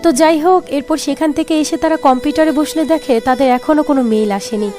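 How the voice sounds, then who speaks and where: A woman narrating a movie recap as a story, telling it briskly and voicing the characters' lines herself. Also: high voice, warm tone. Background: faint background music.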